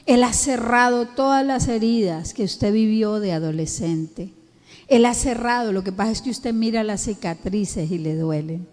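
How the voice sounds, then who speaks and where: A woman's voice: medium pitch, darkish tone. A woman pastor with a Colombian accent delivering an emphatic sermon, drawing out words and rising to peaks. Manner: emphatic, slow, drawn-out preaching with rising peaks. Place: church hall. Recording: long church hall reverb.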